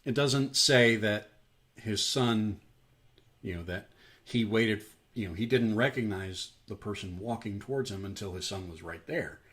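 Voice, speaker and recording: A man's voice: lowish voice, measured pace. A man hosting a daily scripture stream, talking through a parable in a conversational way, with frequent "you know"s. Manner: animated, conversational, many fillers like "you know". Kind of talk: Bible study talk.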